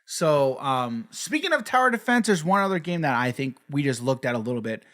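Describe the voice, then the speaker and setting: A young man co-hosting a casual board game podcast, rambling with lots of fillers and letting his sentences trail off quietly. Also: a little high, sing-song, brisk. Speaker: podcast co-host. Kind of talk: casual chat about board games.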